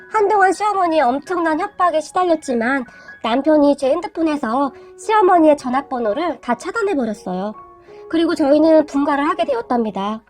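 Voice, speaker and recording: Brief: woman story narrator, high voice, steady reading over faint music. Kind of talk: first-person reading of an online story. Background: soft background music.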